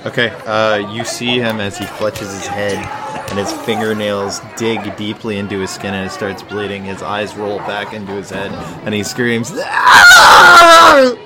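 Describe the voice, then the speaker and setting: A man narrating as game master of a tabletop game, matter-of-fact and calm as he gives the rules. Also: on the low side, normal speed. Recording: loud crowd chatter and noise behind.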